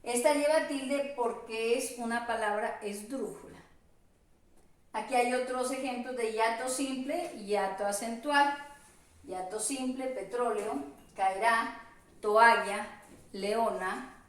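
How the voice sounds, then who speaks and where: Slow woman teacher, echoey room. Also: a little high, recorded from a distance. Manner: slow, careful spelling-out of examples. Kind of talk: virtual class lecture.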